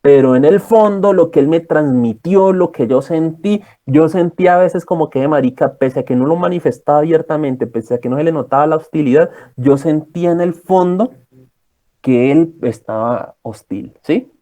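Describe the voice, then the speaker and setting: A man's voice: on the high side, moderate pace, warm tone, lo-fi sound. A young man tutoring students in a casual lecture, rambling and checking in with his listeners.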